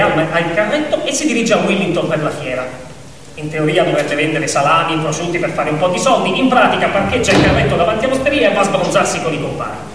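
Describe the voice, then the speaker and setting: As the narrator of a radio play, a man tells a scripted dramatic story theatrically in short, emphatic phrases. His voice is fairly high and a bit bright. The recording is distant and noisy, made in a very echoey hall.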